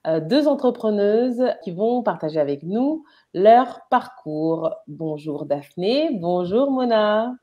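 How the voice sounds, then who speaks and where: A woman hosting an interview over a video call, asking long, measured questions and recapping her guests' answers. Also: mid-range voice, lively intonation, mellow, highs cut off. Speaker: interviewer and host.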